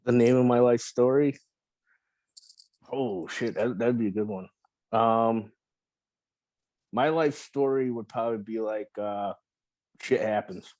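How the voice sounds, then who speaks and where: A man as a podcast guest, telling stories in a relaxed, rambling way with lots of swearing and restarts. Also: mid-range voice, slow pace, long pauses, no echo. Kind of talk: casual interview storytelling.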